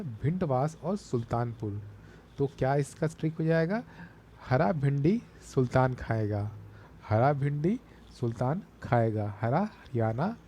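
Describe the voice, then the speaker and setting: A man's voice: medium pitch, mellow, slight background noise. A man with a Bihari Hindi accent, teaching exam memory tricks and repeating key words as he explains. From Bihar, India.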